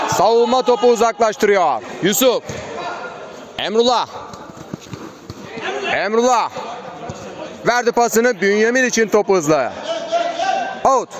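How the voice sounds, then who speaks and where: A man giving live play-by-play football commentary in short, clipped phrases, calling out player names. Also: very high-pitched. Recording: crowd and outdoor urban noise behind. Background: crowd at an outdoor match.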